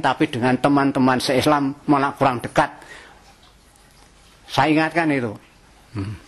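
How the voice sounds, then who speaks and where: Male Quran teacher, slightly raised pitch, conversational preaching with chanted Arabic lines. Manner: lively, conversational preaching with Javanese-flavored asides and chanted Arabic verses. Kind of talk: Quran study lecture.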